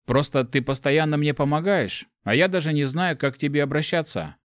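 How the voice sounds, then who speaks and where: A man's voice: fairly high pitch, a little fast, dry recording, studio quality, pitched above the performer's own voice, lightly acted. A man voicing an earnest, eager young male adventurer who speaks politely and hesitantly.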